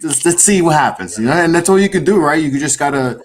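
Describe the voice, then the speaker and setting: A man's voice: on the high side, animated, fast. A man who runs a podcast network, chatting casually in a rambling way with many restarts. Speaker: network founder and guest.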